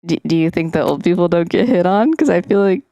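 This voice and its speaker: A woman's voice: lowish voice, expressive, fast, warm tone, dry recording. A woman co-hosting a podcast who chats casually and hedges a lot, full of "like" and "I think". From California. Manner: chatty, hedging, lots of "like" and "I think". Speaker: podcast co-host. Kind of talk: casual chat.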